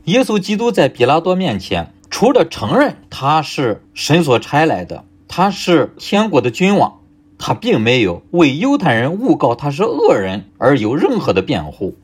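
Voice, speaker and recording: A man's voice: on the high side, wildly swooping pitch, normal speed, breathy edge. A man preaching a sermon in an emphatic style, with rhetorical questions and a voice that keeps rising and falling.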